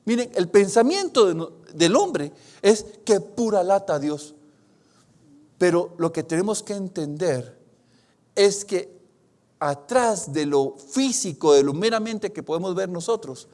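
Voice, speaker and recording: Man preaching, fairly high voice, earnest, loud bursts and hushed drawn-out lines. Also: big pitch swings. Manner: confessional and earnest, reads scripture aloud. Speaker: pastor. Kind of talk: sermon.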